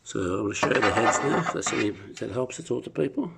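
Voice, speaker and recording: Heavy background noise accompanies this casual, unscripted product demo by a man selling an item from his home apartment's living room. He films on a phone in his hand from behind the camera, speaking fast in a medium-pitched, gravelly voice with lively intonation, rambling and hesitant.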